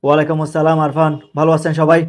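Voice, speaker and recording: A man's voice: a little high, monotone, rapid-fire. A man from Bangladesh, teaching an online English grammar class, asking questions and answering them himself.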